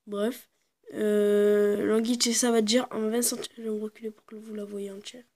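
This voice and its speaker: Flat-voiced woman showing fishing lures. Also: mid-range voice, moderate pace. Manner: hesitant, constant fillers and "voilà"; drops into quiet muttered asides. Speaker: fishing video maker. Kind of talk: casual tackle presentation.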